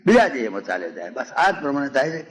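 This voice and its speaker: An older man with a Gujarati accent giving a spiritual discourse, telling folksy stories, acting out villagers and chanting verses slowly. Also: mid-range voice, big pitch swings, fairly bright tone, low-quality recording. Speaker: spiritual speaker. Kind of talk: Ramayana discourse with humor and chanting.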